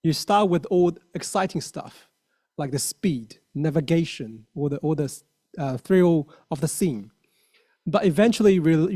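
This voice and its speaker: A man's voice: a little high, mellow. Earnest man with a Mandarin accent. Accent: Mandarin Chinese. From China. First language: Mandarin Chinese. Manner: earnest, halting with many fillers and restarts. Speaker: lay Buddhist speaker. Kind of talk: dharma talk.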